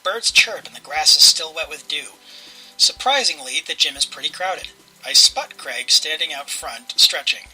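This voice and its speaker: A man's voice: a little high, lively intonation, moderate pace, pushed and bright, faint music behind, poor audio. A man hosting a let's play, casually commentating and reading game narration aloud.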